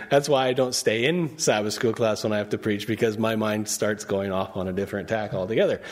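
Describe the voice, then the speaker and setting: A man's voice: fairly low pitch, steady tone, fairly quick, hardly any pauses. Man preaching with frequent questions. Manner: conversational, asks the congregation frequent questions. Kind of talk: sermon. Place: church.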